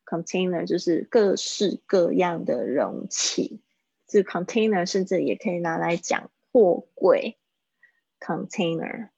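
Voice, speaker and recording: A woman with a low, gravelly and husky voice teaches English in a live-streamed lesson. She chats along and slowly repeats phrases for her listeners to practice. The sound is dry and somewhat dull. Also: mellow, no echo.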